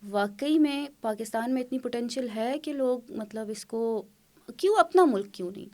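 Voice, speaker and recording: Lively higher-voiced woman tour guide. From Khyber Pakhtunkhwa, Pakistan. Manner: lively storyteller, acts out quotes. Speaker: tour guide and trekker, podcast guest. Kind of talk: casual podcast interview.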